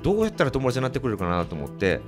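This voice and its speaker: A man's voice: medium pitch, wildly swooping pitch, racing, music in the background. A man hosting a casual community radio show, joking, laughing and trying playful impressions.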